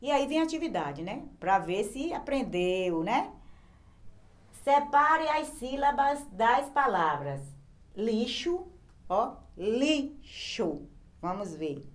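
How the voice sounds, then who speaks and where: A woman's voice: fairly high pitch, big pitch swings, takes it slowly. A woman teacher with a Brazilian Portuguese accent gives a remote lesson to young children. She explains patiently and sounds out words syllable by syllable. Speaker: primary school teacher.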